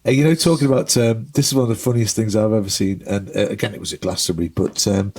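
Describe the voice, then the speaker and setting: A British man, a comedian guest, telling lively anecdotes in a casual chat, mimicking hecklers as he goes. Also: on the low side, quick pace, slightly rough. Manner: animated storyteller who mimics hecklers.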